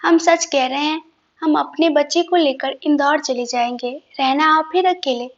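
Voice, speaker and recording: A woman's voice: high voice, unhurried, lo-fi sound. Woman voicing a tearful devoted young wife. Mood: tearful pleading. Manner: pleading, tearful, formal "hum" speech.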